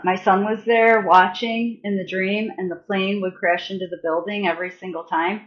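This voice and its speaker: A woman healer and massage therapist speaks in a chatty, halting way, full of fillers and restarts. She sits at a middle pitch, telling stories and guiding a meditation. The sound is dull and lo-fi. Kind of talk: casual live-stream storytelling and guided meditation.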